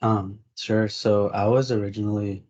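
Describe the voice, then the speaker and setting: A man's voice: lowish voice, normal speed. A young man from Texas and Mexico, an engineering student, answering interview questions casually with fillers. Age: young adult. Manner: relaxed, rambling with fillers. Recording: dull lo-fi sound.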